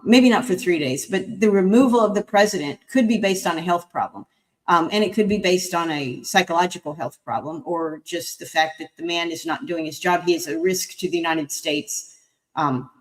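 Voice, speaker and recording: Woman, panel guest, hiccups, halting speech, lowish voice. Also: rough recording. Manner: halting, lots of fillers and restarts. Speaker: guest commentator. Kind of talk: panel discussion.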